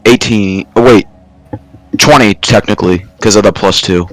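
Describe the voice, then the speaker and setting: A man's voice: on the low side, normal speed, low-quality recording. A man playing a tabletop game, asking the game master questions. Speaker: player. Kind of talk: casual tabletop play.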